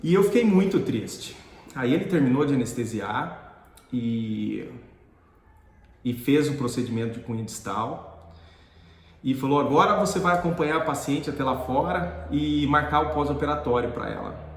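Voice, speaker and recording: A middle-aged man telling a personal story in an earnest, halting way, often restarting his sentences. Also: mid-range voice, animated. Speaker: dentist and teacher. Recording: echoey room with long reverb.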